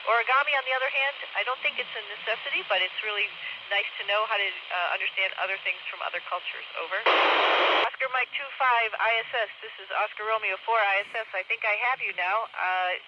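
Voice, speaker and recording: A man's voice: high voice, fast talker. A man speaking from a space station over a radio downlink, patiently repeating call signs and answering questions. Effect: heard over a radio downlink. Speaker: astronaut answering school questions. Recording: muffled radio reception with loud static.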